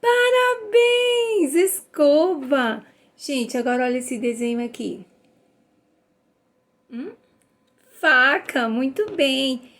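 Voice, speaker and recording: A woman's voice: high voice, slow, long pauses, pushed and bright. A woman teaching a phonics lesson to young children. She sounds out letters one by one and praises the children cheerfully. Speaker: literacy teacher.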